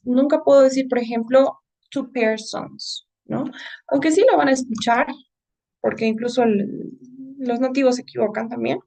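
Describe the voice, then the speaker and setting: High, gravelly-voiced woman teacher. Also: mellow, distant mic, poor audio. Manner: patient, checks in with "¿no?". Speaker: English teacher. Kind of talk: online writing lesson, explaining.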